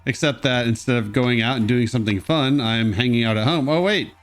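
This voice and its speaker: A man's voice: medium pitch, brisk, faint music behind. A man giving casual, wry commentary as host of a video game let's play, with joking asides.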